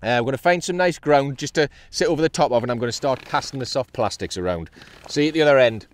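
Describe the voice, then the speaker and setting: A man's voice: medium pitch, quick pace. A man, chatting casually on a fishing vlog from a kayak at sea, upbeat and cheery. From North East England. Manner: chatty and upbeat, with excited bursts when a fish is hooked. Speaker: kayak angler. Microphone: action camera mounted on the kayak.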